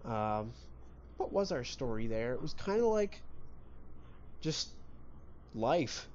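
A man's voice: medium pitch, big pitch swings, takes it slowly, a little mellow. A man chatting casually as a podcast co-host. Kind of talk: casual chat. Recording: dull lo-fi sound, faint background noise.

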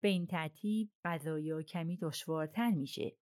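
A woman's voice: deep voice, natural voice. A woman reading a shrewd, self-assured old detective. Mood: explaining. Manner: soft, persuasive, explaining.

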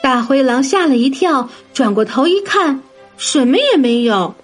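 A woman narrating a children's story in a gentle, sing-song manner, addressing young listeners. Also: high voice, expressive, normal speed. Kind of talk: scripted bedtime story narration. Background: soft background music.

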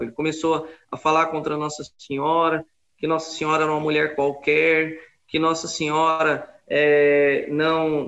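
A man's voice: fairly high pitch, a bit bright. Emphatic man, muffled sound. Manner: emphatic, quotes himself at length. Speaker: guest telling a story. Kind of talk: casual storytelling. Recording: dull lo-fi recording.

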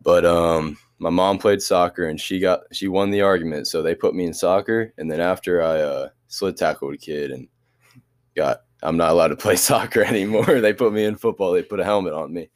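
Teen male athlete, very low voice, laid-back and halting in interviews. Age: teenager. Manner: easygoing, hesitant with many restarts. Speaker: student athlete. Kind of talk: casual interview answers.

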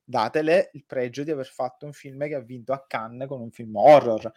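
A man's voice: mid-range voice, fairly even intonation, moderate pace, mellow, dry recording, studio quality. A man in a casual, opinionated film chat, speaking vehemently and sarcastically and swearing freely. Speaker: podcast co-host.

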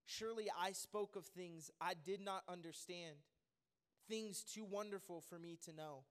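A man preaching a sermon as a pastor, lively and joking, rambling with fillers and restarts. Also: sits high, a little slow, clear, resonant tone.

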